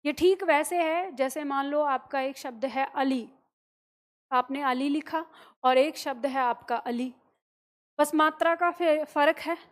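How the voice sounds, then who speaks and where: High-voiced woman teaching a lesson. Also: unhurried. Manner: explains step by step, asks the class rhetorical questions and answers them herself. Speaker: Hindi teacher. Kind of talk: classroom-style grammar lesson.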